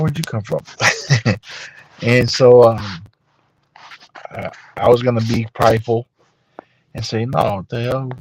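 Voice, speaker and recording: A man telling a personal story on a live stream in a rambling, unhurried way, full of fillers and restarts. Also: medium pitch, darkish tone, husky, dry recording, rough recording.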